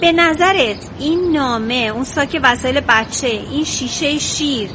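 A woman's voice: high voice, close to an everyday voice. An actress with an Iranian accent playing a compassionate, persuasive woman in a TV drama. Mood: concerned. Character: compassionate, persuasive woman, family friend of a couple. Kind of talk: Persian television drama acting. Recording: noisy drama soundtrack.

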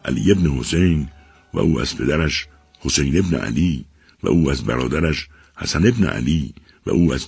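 A man voicing a calm revered holy man. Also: extremely low pitch, vocal fry, slightly rough, no room sound, heavily acted. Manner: solemn, measured proclamation.

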